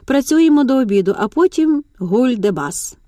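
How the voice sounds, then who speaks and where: A woman's voice: high-pitched, moderate pace, no echo, studio quality, pitched above the performer's own voice. A woman reading as a chatty cheerful coworker. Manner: lively, teasing.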